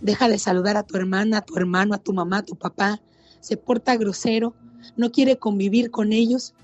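A woman's voice: medium pitch, little pitch movement, brisk, darkish tone, highs cut off, faint music behind. A woman delivering a scripted relationship advice segment, earnest and direct, speaking to women listeners.

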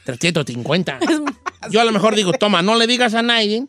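A cheeky old Mexican host with a very high, reedy voice and a bright, sharp edge. He teases, rambles and chuckles through a comedic radio talk show. The sound is close and dry. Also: animated, fairly quick, no room sound. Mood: joking. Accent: Mexican Spanish. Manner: teasing, rambling, chuckles often.

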